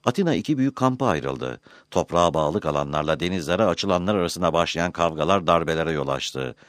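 A man narrating a scripted history documentary in a measured storytelling delivery with dramatic emphasis. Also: low voice, expressive, no echo, clean studio sound.

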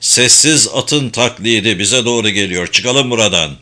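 A man reads a gruff old veteran in this audiobook, low and weary, with a fatherly edge. The voice is low-set and bright in tone. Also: normal speed. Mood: urgent.

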